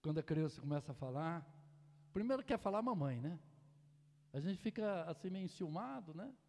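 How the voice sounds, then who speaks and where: A man preaching a sermon in a church, shifting from soft asides to loud, impassioned exhortation. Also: fairly high pitch, animated, normal speed, vocal fry. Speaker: pastor. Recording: echoey church hall.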